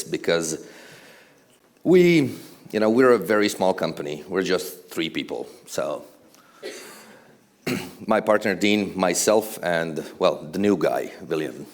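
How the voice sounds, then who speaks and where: A man from Croatia, giving a casual, conversational conference presentation with fillers and dry humor on stage before a large audience. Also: deep voice. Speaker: conference speaker, architectural visualization studio co-owner.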